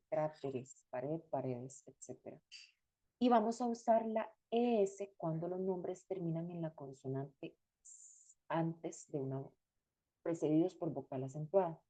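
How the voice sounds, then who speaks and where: A woman's voice: deep voice, warm tone. A woman teaching a grammar class, explaining step by step and repeating each example word. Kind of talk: recorded lecture.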